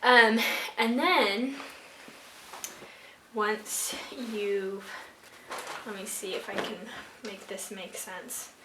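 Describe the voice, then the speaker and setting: A young woman who is hoarse while recovering from an illness explains slowly in a chatty sewing tutorial vlog, full of ums and other fillers. Her voice is medium-pitched. It's night in her home sewing room, and a distant camera mic picks up an echoey room and a noisy background.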